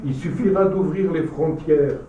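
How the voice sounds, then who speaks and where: Mellow, distant man in an echoey room. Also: fairly high pitch, a little slow. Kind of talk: explanatory discussion. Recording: muffled, echoey, distant mic, faint noise.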